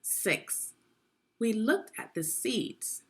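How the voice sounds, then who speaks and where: With a fairly high, somewhat bright voice, a woman draws out her words in a sing-song way. She's guiding children through a read-along, pronouncing each word clearly, instructing them and posing questions.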